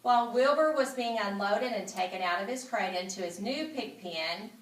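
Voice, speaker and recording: A school principal reads a children's story aloud, her medium-pitched voice animated and dramatic at a moderate pace, repeating phrases and adding asides. The room is echoey and the microphone somewhat distant.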